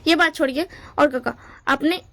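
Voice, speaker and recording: A woman's voice: sits high, normal speed, a bit bright, no echo. A woman voicing a blunt, hot-tempered young man who threatens to fight, mixing English words into his talk. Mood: defiant.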